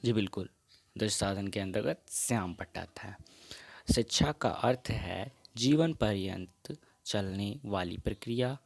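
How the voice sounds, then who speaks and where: Guy tutor going through practice questions real slow, lowish voice, reads every option out. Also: gravelly, darkish tone, no echo. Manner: reads out quiz questions and options slowly, mixing in English. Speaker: teacher. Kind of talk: exam practice lesson.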